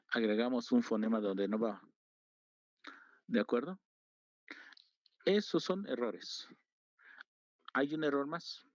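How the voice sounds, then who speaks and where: A man teaching a class in a slow, deliberate way, stopping to repeat the key terms and check that his students follow. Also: mid-range voice, darkish tone, dry recording. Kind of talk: lecture to students. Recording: slightly dull, dry lo-fi recording.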